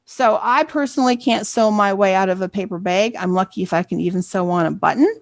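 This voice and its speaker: Middle-aged woman with a gravelly voice. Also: medium pitch, brisk, dry recording. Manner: conversational, asks "right?" for assent. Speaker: library program coordinator. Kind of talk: presentation with personal storytelling.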